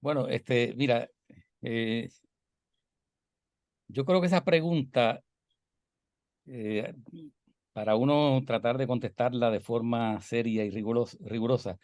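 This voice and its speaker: An older man speaks in a Puerto Rican Caribbean Spanish accent with a medium-pitched voice. He answers like an interviewed scholar, reflective and discursive, circling back to repeat phrases for emphasis. The sound is dry and close. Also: slow, pauses often, a little mellow, no room sound. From Puerto Rico.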